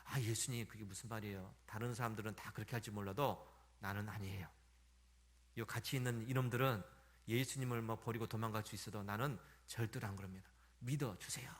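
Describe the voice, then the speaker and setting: A man playing the disciple Peter in a sermon retelling, protesting and pleading in a lowish voice. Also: steady tone, brisk, close to an everyday voice. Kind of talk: sermon retelling with quoted speech.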